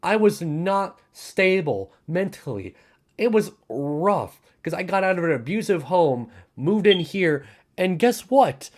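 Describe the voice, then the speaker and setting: Earnest young man, lively pitch. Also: slow. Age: 20s. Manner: earnest, repetitive, emphatic, with swearing. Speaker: streamer. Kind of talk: candid personal monologue.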